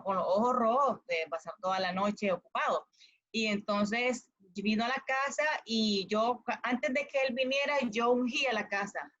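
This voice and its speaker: A woman's voice: mid-range voice, fairly bright tone. Earnest Nicaraguan woman, dull lo-fi sound. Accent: Nicaraguan Spanish. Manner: earnest, narrates step by step with small restarts. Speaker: guest giving a testimony. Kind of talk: personal testimony.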